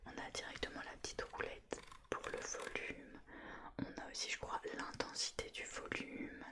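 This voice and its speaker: A woman softly whispering right in your ear in a casual ASMR show-and-tell, with a gushing, enthusiastic manner. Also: normal speed. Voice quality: soft, unvoiced whisper. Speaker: ASMR YouTuber.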